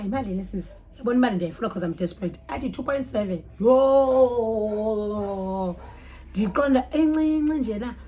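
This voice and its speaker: Pitched high, with a faint hiss or hum in the background, a storytime vlogger with a South African Xhosa accent tells her tale expressively and informally. She shifts languages within sentences, exclaims often, and voices the dialogue herself.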